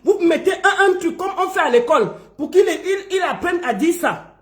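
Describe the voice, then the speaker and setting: Woman, mocking stream rant, teasing schoolteacher drawl, high lively voice, echoey room. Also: normal speed. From Cameroon. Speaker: online commentator.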